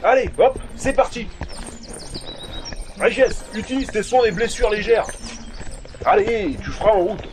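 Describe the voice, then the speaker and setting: High-pitched male adventurer, acted by a man, bossy, excitable, slangy, fantasy audio saga, music underneath. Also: unhurried, long pauses. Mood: bossy, impatient. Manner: slangy, emphatic.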